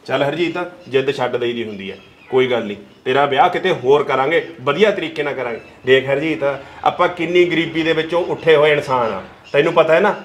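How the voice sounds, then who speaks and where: A man acts out a reasoning elder brother, patient and persuasive. He talks fast in a slightly high voice. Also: natural voice. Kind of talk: rural Punjabi web drama acting.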